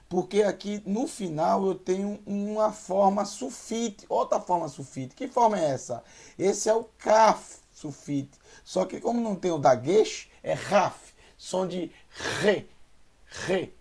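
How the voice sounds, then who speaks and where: Man, Hebrew teacher, slow deliberate pace, gravelly husky voice, repeats syllables. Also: sits high, animated, a little mellow. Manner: patient, repeats syllables slowly and drills pronunciation. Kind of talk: online language lesson.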